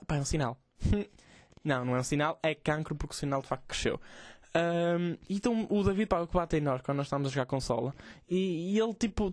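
A man's voice: high voice, dry recording, clean studio sound. A man, hosting a podcast as a rambling, profane, self-mocking comic monologue. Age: 20s. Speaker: podcast host.

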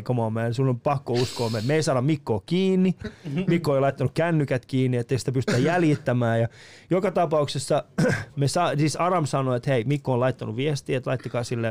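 A man's voice: mid-range voice, darkish tone. A man telling a comedy story in casual chat, swearing a lot and acting out other people in broken English. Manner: swearing often, acts out voices in broken English. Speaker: comedian guest.

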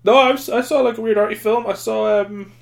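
A man chatting casually, laid-back and quick to laugh. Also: high voice, fairly even intonation, vocal fry. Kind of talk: casual podcast chat.

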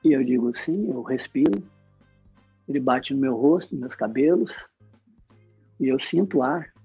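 A man giving an emotional sermon testimony, telling his story with many halting restarts. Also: medium pitch, expressive, vocal fry, mellow, husky, dry recording, muffled recording, soft background music.

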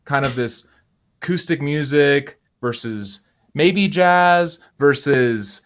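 A man's voice: a little high, takes it slowly, a bit bright, a little hiss or hum. A man hosting a casual interview, speaking in an easygoing way with lots of hedging fillers. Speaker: podcast host.

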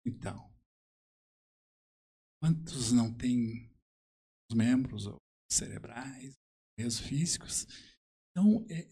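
A man with a southern Brazilian accent, a musician guest in a conversational interview, telling anecdotes in a halting, emphatic way. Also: medium pitch, expressive, mellow, slightly rough.

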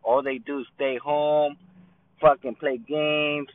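A man's voice: on the high side, little pitch movement, slow pace. A man calling in to a show, rambling and cursing with lots of "man" fillers. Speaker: caller. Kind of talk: voicemail call-in. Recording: tinny phone line.

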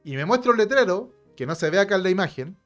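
A man's voice: sits high, fast, muffled recording, faint music behind. A middle-aged man with a Chilean accent, telling a personal story in a casual, indignant way and acting out both sides of an argument. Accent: Chilean Spanish. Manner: animated, indignant, acts out quoted exchanges.

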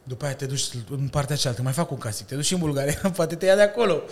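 Animated man telling stories with slang. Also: a little high. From Romania. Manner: animated storytelling with slang and laughter. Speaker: podcast guest, breakdancer and stuntman. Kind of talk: casual chat.

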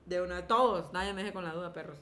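A woman's voice: lowish voice, fast, a bit bright. A young woman chatting casually as a co-host, blunt and swearing freely as she acts out little quotes. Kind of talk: casual chat. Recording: echoey room.

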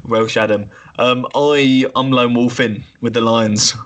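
A man's voice: medium pitch, steady tone, slow pace. Chatty podcast co-host man. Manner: chatty, reads out scores. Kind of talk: casual sports podcast chat.

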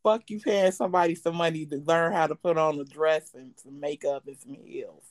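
A woman's voice: low-pitched, steady tone, normal speed, no echo. An older woman chatting as a podcast guest, blunt, salty and opinionated in her way of talking. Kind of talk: casual chat.

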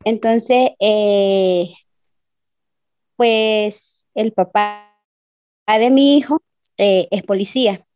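A woman from El Salvador with a Salvadoran accent, giving a slow, hesitant personal testimony as a migrant, with many fillers. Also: medium pitch, darkish tone, no room sound, highs cut off. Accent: Salvadoran Spanish. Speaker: interviewee, migrant. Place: Ciudad Juárez.

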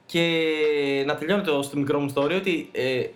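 A man co-hosting a podcast, chatting casually with loose swearing and quick reactions. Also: fairly high pitch. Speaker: podcast co-host. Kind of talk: casual chat.

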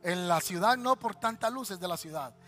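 A Colombian male pastor preaching a sermon, telling stories in a lively, colloquial way and speaking straight to his listeners. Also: high voice, normal speed, soft background music. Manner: storytelling, lively and colloquial, addressing listeners directly.

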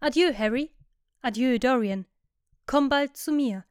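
Earnest painter guy begging his friend, woman reading, slow clear voice. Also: high voice, a little mellow, no room sound, studio quality. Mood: pleading. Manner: pleading, insistent. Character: earnest, devoted male painter.

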